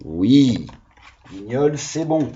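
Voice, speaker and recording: A man's voice: medium pitch, very animated, very slow, dark tone, dull audio. A male primary school teacher giving a video phonics lesson to young children, patiently sounding out syllables.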